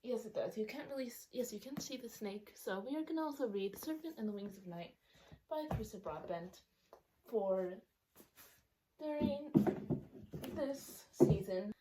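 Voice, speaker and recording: In a very noisy clip, a young book vlogger with a slightly high voice and lively intonation speaks at normal speed but pauses often. Her casual chatter wanders, she keeps correcting herself and saying um, and her retainer alters her speech a bit. The setting is outdoors or a sunny window at home.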